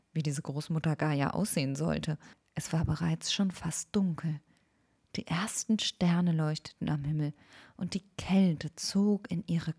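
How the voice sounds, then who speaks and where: A woman telling a bedtime story in a soft, partly whispered, calm voice. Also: on the low side. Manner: slow, hushed, calm.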